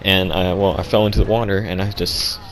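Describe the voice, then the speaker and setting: Over a faint background hum, a very low-voiced young man vlogs a ridiculous tale with flat, deadpan delivery. His telling rambles and stumbles, packed with fillers and frequent restarts.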